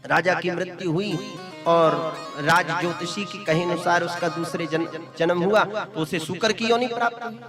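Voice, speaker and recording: Man, high voice, devotional storytelling, acts out the voices, clear music behind. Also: normal speed. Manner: acts out story voices with lively pitch swings. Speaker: religious storyteller. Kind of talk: devotional scripture discourse. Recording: live discourse with instrumental music behind. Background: instrumental music.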